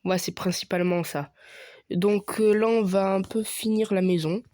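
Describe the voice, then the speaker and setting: A man's voice: sits high, steady tone, normal speed, mellow, dry recording, studio quality. Young man hesitantly narrating a game. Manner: hesitant, many fillers, thinking aloud while playing. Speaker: gaming youtuber. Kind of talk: casual gameplay commentary.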